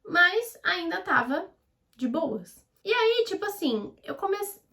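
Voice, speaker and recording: A young Brazilian woman with a Brazilian Portuguese accent telling a story in a casual vlog, chatty and animated, acting out the dialogue. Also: very high voice, slow, slight background noise. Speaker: vlogger.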